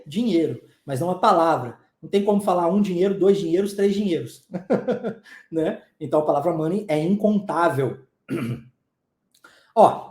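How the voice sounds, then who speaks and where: Teaching English pronunciation live online, a man with a Southeastern Brazilian Portuguese accent keeps it casual and chatty, regularly tossing in "tá?" to check on students and coughing now and then. His voice is high and a little mellow, heard in an echoey room.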